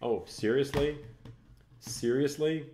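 A middle-aged man with a French Canadian accent talks casually through a live show, poking fun at himself and laughing easily. His voice sits at an ordinary male pitch. The room around him sounds roomy and echoey. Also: takes it slowly, dark tone, slight background noise. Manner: self-mocking, laughing often, chatty. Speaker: host. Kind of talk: casual live-stream tech chat.

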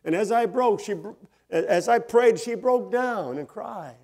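A man's voice: sits high, animated, a little slow, a little mellow. Older male pastor, storytelling sermon. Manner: conversational, chuckles often, rising to emphatic bursts. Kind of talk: sermon with personal stories.

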